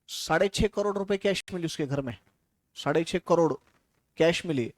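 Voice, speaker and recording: Male lecturer, chatty, storytelling, questions students, fairly high pitch, dry room. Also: no echo. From India. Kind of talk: casual classroom lecture.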